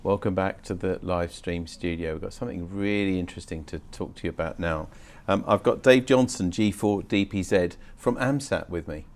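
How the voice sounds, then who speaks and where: A man's voice: low voice, moderate pace, hardly any pauses, a little mellow. A man hosting a live interview in a studio, introducing and prompting his guest. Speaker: livestream interviewer. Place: livestream studio.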